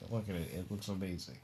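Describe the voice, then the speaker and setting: Man, low voice, casual game commentary, rambling, giggly. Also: a little hiss or hum. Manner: giggly, rambling, keeps breaking into laughter. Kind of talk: casual rundown of cars in a video game.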